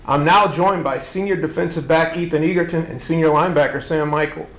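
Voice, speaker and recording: A man from New Orleans hosting a college football show, interviewing coaches and players in a relaxed, chatty way. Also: fairly high pitch, brisk, low-quality recording. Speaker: show host. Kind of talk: casual sports interview.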